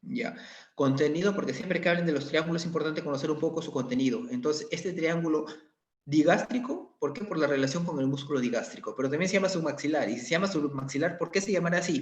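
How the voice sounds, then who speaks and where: A male anatomy lecturer explains slides step by step and keeps checking in with his students. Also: medium pitch. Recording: echoey, dull lo-fi sound.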